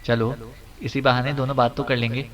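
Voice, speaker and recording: A man's voice: mid-range voice, little pitch movement, a crowd in the background, close to an everyday voice. A man voicing a stern, sly secret agent. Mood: playful. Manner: commanding, clipped, playful. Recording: distant mic.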